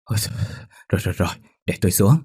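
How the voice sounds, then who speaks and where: A man's voice: low-pitched, very fast, darkish tone, slightly rough. A man doing a terrified, whimpering fisherman. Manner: whimpering, panicked. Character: terrified fisherman, panicky and whining.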